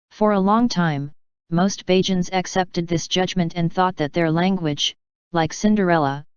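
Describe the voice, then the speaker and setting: Smooth, low-voiced woman narrating formally. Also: darkish tone, no echo, highs cut off. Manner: measured, formal explanatory delivery. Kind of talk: scripted educational narration.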